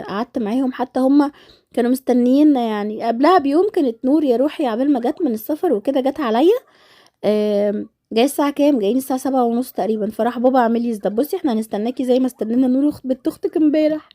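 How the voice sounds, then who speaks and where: A woman's voice: fairly high pitch, lively intonation, very fast, mellow. A middle-aged woman with an Egyptian Arabic accent, congested and nasal, chatting casually and ramblingly to her followers in a vlog voice-over. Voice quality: congested, nasal from a blocked nose. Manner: rambling, familiar address to followers. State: stuffed-up nose and throat. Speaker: vlogger.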